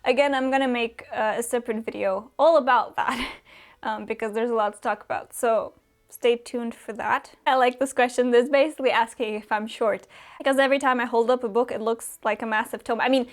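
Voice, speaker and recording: A woman's voice: on the high side, fairly even intonation, fairly quick. Young romanian-born woman vlogging, casual chatty q&a, lots of little laughs and ums. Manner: chatty, frequent fillers and small laughs. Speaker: booktuber answering viewer questions. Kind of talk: casual chat.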